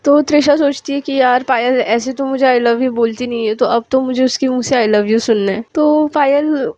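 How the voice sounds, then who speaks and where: A woman with a high voice tells a romantic story in a relaxed, chatty way, with fillers scattered through her talk. The recording is dull and dry, and close to the mic. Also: moderate pace, no echo. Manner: casual, conversational, with fillers.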